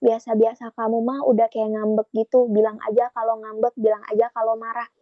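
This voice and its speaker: As a podcast guest, a young woman talks a little fast in a level, slightly high voice, sharing a relationship story and acting out what each person said. The audio is dry and phone-like, with soft music underneath.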